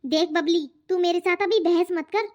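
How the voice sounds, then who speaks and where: For a cartoon, a woman voices a nagging, harsh middle-aged mother-in-law, taunting and scolding. Her voice is very high-pitched yet steady in tone, a little mellow, and moves at a moderate pace. The audio is dull and lo-fi.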